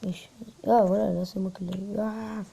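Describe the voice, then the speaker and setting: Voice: mid-range voice, level tone, normal speed, creaky, mellow, slight background noise. A young gamer giving casual gameplay commentary to a co-player, speaking in French suburban street slang. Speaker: host of a gaming video.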